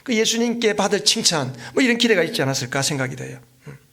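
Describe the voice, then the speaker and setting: A visiting pastor with a notably high, creaky voice preaches at an evening worship service, talking fast and telling his story vividly and with energy. He repeatedly poses rhetorical questions to the congregation, and brief thinking fillers interrupt his phrases.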